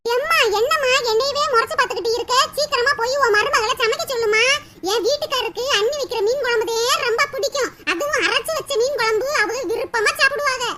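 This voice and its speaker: A woman's voice: extremely high pitch, quick pace, pushed and bright. A woman voicing a cheeky, greedy young sister-in-law, whiny and sarcastic.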